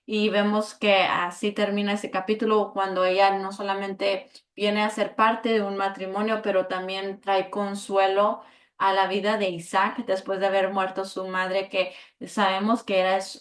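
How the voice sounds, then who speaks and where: Woman leading a bible study, pretty monotone, lots of "right?" and ums. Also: medium pitch. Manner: flat, even delivery with many fillers and tag questions.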